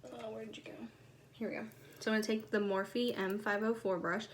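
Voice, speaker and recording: A woman talks in a soft, quiet voice at a middling pitch, casually explaining things as a beauty vlogger would. It is a homemade phone recording with light noise behind her. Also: fairly even intonation, a little fast. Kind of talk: casual makeup tutorial chat.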